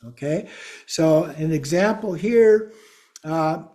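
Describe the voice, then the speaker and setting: A man's voice: on the high side, takes it slowly, dark tone. A man teaching a class on pronunciation, explaining step by step and checking in with his listeners. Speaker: Buddhist teacher.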